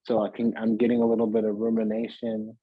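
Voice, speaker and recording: A man's voice: fairly low pitch, monotone, fast talker, breathy edge, dry recording, phone-quality sound. A man giving a casual, rambling tarot reading to viewers, piling up phrases in lists and checking in with "does that make sense?". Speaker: tarot reader.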